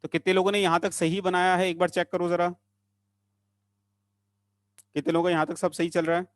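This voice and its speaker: A man's voice: high voice, flat delivery, a little fast, no echo, clean studio sound. A man teaching chemistry in an online class, coaxing students along and repeating short phrases in a sing-song way.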